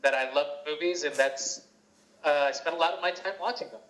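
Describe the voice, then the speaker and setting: A man's voice: fairly high pitch, fairly quick, a bit bright. A man co-hosting a casual podcast, sharing movie knowledge in an informative way. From grew up in several countries, born in Venezuela. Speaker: podcast co-host. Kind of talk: casual chat. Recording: roomy echo.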